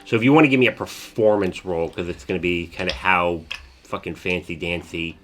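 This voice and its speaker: A man's voice: sits low, fairly quick, fairly bright tone, a little hiss or hum. A man running a tabletop game as game master, narrating loosely with many fillers.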